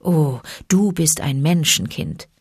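Wise protective panther, low and hushed, read by a woman; dry close sound. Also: takes it slowly, husky, dry recording, exaggerated voice. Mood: confiding. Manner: calm, low and confiding, urgent at times. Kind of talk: audiobook character reading.

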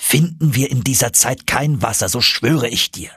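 A man's voice: mid-range voice, lively intonation, moderate pace, fairly bright tone, husky, no room sound, studio quality. A man voicing a stern, obsessive old professor on an expedition, commanding and stubborn, in an audiobook reading. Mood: persuasive. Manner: stubborn, commanding, tender at times.

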